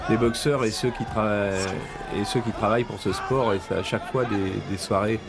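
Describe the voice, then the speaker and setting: A man giving live combat sports commentary in measured, admiring phrases. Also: lowish voice, fairly even intonation. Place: ringside in a packed arena. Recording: loud arena crowd and noise behind.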